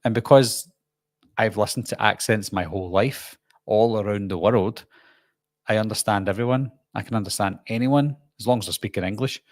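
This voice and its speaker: A Scottish man with a Glasgow accent hosts a YouTube live stream, casually rambling through viewer comments with lots of ums and restarts. His voice is fairly low and his pace moderate, and the recording sounds dry.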